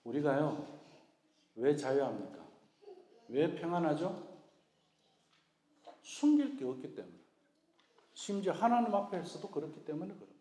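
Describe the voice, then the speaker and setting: A man's voice: fairly high pitch, sing-song, measured pace, pauses often, warm tone. Conversational male pastor in an echoey church. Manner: conversational preaching, acting out prayers and God's replies. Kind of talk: sermon. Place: church sanctuary.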